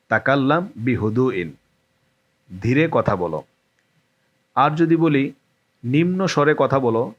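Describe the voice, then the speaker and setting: A male Arabic teacher gives a spoken lesson, going through phrases patiently and repeating each one with its meaning. His voice sits at an ordinary middle pitch, and the recording sounds a little dull and lo-fi.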